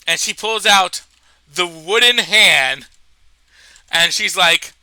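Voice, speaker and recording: High, sharp-voiced man telling a story. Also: slow pace, dry recording, rough recording. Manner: rambling, animated, with many fillers and restarts. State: stuffed-up nose. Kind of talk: comedic personal story.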